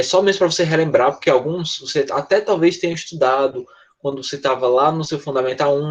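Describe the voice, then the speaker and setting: A man's voice: on the high side, lo-fi sound. A man with a Brazilian Portuguese accent teaching English in an online class, patient and repetitive, often checking with his students.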